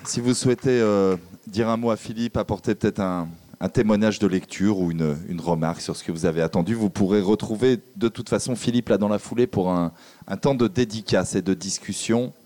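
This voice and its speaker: A man's voice: fairly low pitch, a little fast, mellow. A man moderating a live book talk in front of an audience, friendly and teasing. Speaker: event host. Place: public hall with audience.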